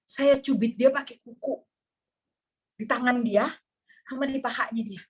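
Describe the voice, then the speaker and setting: A woman's voice: fairly high pitch, unhurried, breathy edge. A woman who works in neuroscience, giving a talk to a group of parents and telling dramatic stories while addressing her listeners directly. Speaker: neuroscience practitioner speaking to parents.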